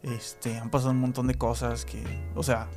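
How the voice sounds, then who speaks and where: A man's voice: medium pitch, normal speed, music in the background. Mexican man hosting a casual chat. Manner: chatty, animated when retelling. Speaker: podcast host.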